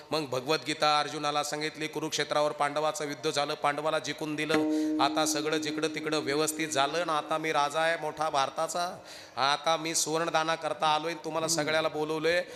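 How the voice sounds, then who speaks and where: A man's voice: fairly high pitch, little pitch movement, brisk, pushed and bright, a little hiss or hum. A man preaching a comic kirtan sermon, telling stories and acting out the characters, among them a lisping child voice. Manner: acts out characters, lisping child voice for young Krishna.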